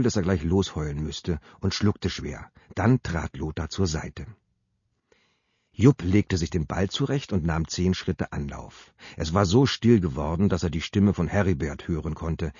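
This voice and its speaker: Low, husky male audiobook narrator. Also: warm tone, dry recording, lo-fi sound. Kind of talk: audiobook reading.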